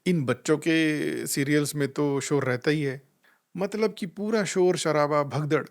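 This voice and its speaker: Male spiritual speaker, gentle storyteller, voice a touch high, easy and unhurried. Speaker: spiritual life coach. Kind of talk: calm reflective spiritual talk with anecdotes.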